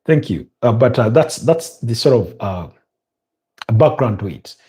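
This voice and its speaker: At a measured pace and in a mid-range voice, the Ugandan man keeps up his casual live commentary on the match, his Ugandan English accent clear. He sounds relaxed, filling pauses with lots of ums and uhs.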